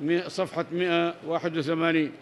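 A man with a high voice reads religious texts aloud in a level, even tone, keeping his pitch narrow. He works through each chain of narrators and then explains the text in plain words, adding short prayers as he goes. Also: quick pace. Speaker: Islamic teacher reading hadith.

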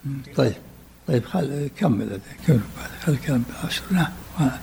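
A man leads a study session, talking fast in a deeply gravelly, creaky voice. He explains the text and cuts in on the reader with brisk, short prompts. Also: expressive, darkish tone, slight background noise. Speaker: teacher leading a study session. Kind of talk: explaining and directing a text reading.

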